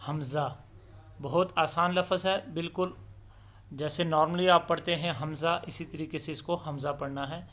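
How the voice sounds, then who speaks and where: A man's voice: on the high side, flat delivery. Patient male Quran teacher drawing out letters. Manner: draws out each letter sound slowly and loudly in demonstration; patient explanatory tone, mixes in English terms. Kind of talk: step-by-step letter pronunciation lesson.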